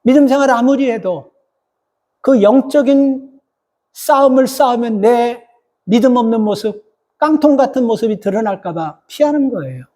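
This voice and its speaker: A man's voice: expressive, normal speed, mellow. A man, a pastor, preaching a Sunday sermon in an emphatic manner, talking straight to the congregation with rhetorical questions. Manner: acts out biblical quotes with rising, heated pitch.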